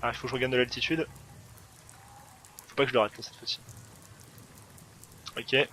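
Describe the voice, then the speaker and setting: Bright-voiced chatty gaming host, a man. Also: medium pitch, fairly even intonation, moderate pace, a little hiss or hum. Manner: rambling, full of fillers and self-corrections. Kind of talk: casual gameplay commentary.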